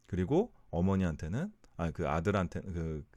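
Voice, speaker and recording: Animated low-voiced man teaching scripture. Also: normal speed, no room sound. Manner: asks the listeners rhetorical questions; corrects himself mid-sentence. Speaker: Bible study teacher. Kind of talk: Bible study teaching.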